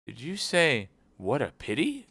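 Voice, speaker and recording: A man voicing a timid, anxious storybook rabbit who speaks in a nervous, hushed, hurried way. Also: mid-range voice, huge pitch swings, creaky, no echo, pitched above the performer's own voice, full character voice.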